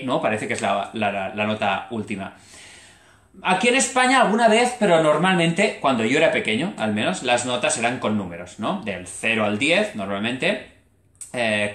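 A young man from Spain teaching a live online Spanish lesson, lively and expressive, slowing down to stress each new word. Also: mid-range voice, roomy sound.

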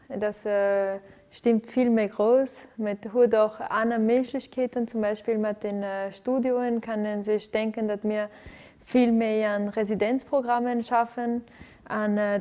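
A Venezuelan woman who works as an arts director answers interview questions in a living room where lights have been set up for filming, using many fillers and restarts. Her voice sits fairly high, with a flat, slightly slow delivery and a dark tone.

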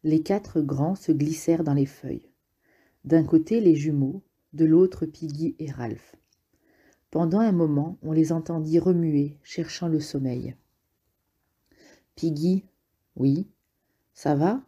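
A woman narrating an audiobook in a calm, measured, steady reading style. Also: deep voice, breathy edge, muffled recording. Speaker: audiobook reader.

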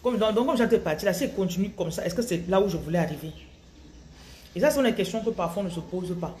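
A woman in her thirties from Cameroon with a Cameroonian French accent, giving a slow, thoughtful spiritual talk to her followers into a phone in a small tiled room. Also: on the low side, lively intonation, darkish tone, slight background noise. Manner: slow and thoughtful, with frequent restarts. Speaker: spiritual coach. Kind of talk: reflective spiritual monologue to followers. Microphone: phone held close at arm's length.

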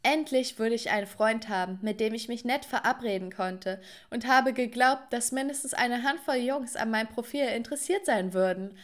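Woman narrating a storytime, fairly high voice. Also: normal speed, few pauses. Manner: first-person confessional, addresses viewers.

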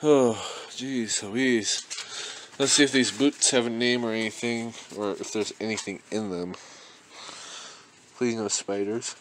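Young male reseller, unhurried, mid-pitched, muses aloud with soft laughs. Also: a little hiss or hum. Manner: relaxed, chuckles often, thinks aloud. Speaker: reseller vlogger. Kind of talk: casual unboxing commentary.

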